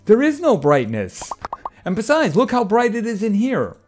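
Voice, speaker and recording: A man's voice: high voice, huge pitch swings, normal speed. A man streaming a farming game, chatting casually and making wry asides. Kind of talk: casual gameplay commentary. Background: game music.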